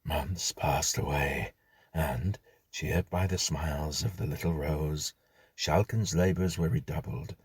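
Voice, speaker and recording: In a bass voice that's gravelly and husky, a male audiobook narrator reads a gothic story with measured, dramatic, formal literary delivery. The recording is dry.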